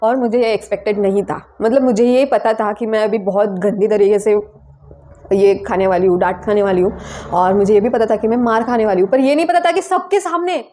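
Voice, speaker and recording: A young woman vlogger telling a personal story in a chatty, animated way, full of casual fillers. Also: medium pitch, fairly quick.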